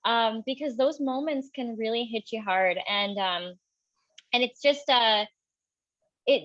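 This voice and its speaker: A woman's voice: medium pitch, fairly bright tone, dry recording. Supportive young woman moderator, dull dry sound. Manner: supportive, rambling with many fillers. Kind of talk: casual conversational interview.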